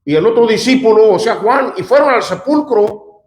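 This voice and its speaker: A male pastor reads scripture aloud and comments on it conversationally during a sermon, often asking the congregation "¿verdad?" and "¿cuántos dicen amén?". His voice sits high, animated and darkish in tone, at a normal speed, with reverberant sound.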